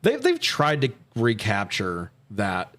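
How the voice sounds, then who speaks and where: A man co-hosts a movie review podcast, recapping films in casual, irreverent commentary and swearing freely. His lowish, fairly bright voice swings hugely in pitch while he talks slowly.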